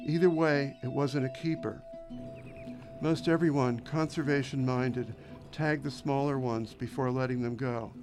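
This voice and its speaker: A man reading an audiobook in a measured, descriptive narration. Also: medium pitch, fairly even intonation. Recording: narration over background music.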